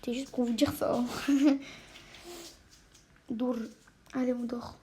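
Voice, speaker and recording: A woman's voice: on the high side, little pitch movement, slow pace, warm tone, slight background noise. A woman vlogging casually while playing with dolls, chatting to viewers and often dropping into whispers. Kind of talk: casual doll-play vlog.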